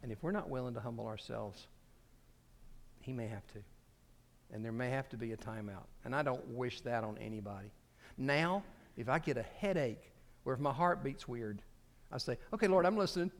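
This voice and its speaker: A man preaching a sermon, swinging between loud emphasis and quiet asides and acting out quoted speech. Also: medium pitch, normal speed, pauses often. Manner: acts out quoted speech in his telling. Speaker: pastor.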